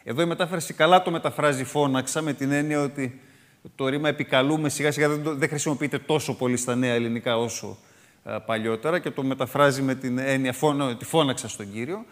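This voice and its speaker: A Bible teacher of medium pitch, sounding like he's in a big room, leads a sermon-style study of a psalm. Between comments he reads scripture aloud, unpacking it word by word with many filler sounds.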